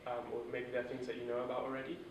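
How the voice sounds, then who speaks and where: Leading a startup workshop, a man explains principles in a steady, monotone, informal way, dropping filler words as he goes. His medium-pitched voice moves very fast and echoes around a large room, recorded from far off with slight background noise.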